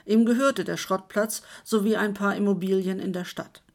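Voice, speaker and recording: A woman narrating a story in a measured, scripted reading. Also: mid-range voice, fairly even intonation.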